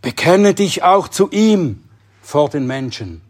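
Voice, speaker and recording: A man preaching a sermon in an earnest, emphatic way, often dropping to a hushed tone to stress a point. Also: a little high, very animated, slow. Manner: earnest, emphatic delivery with dramatic drops to a hush.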